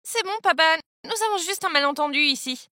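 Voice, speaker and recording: A woman's voice: very high voice, lively intonation, brisk, sharp tone, no room sound, clean studio sound, heavily acted. A woman voicing a spiteful young woman who turns remorseful, with an emphatic, pleading manner in a narrated story. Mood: defensive.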